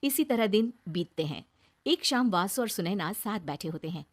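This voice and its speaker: A woman's voice: medium pitch, expressive, normal speed. A woman reading scripted narration for a moral story as its storyteller.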